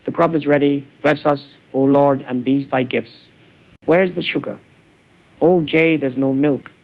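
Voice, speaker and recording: A man's voice: medium pitch, fairly even intonation, a little slow, creaky. A synthetic cloned man's voice reading the part of a boisterous, teasing young man, heard through a narrow phone-like band. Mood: hearty. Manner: hearty, teasing, theatrical.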